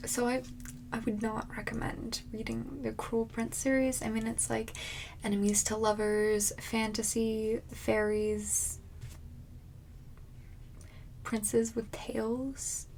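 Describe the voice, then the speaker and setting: A woman in an ASMR role-play as a friendly librarian, chatting casually and haltingly in a soft, breathy soft voice. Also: level tone, a little hiss or hum. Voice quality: soft, breathy soft voice with some low voicing.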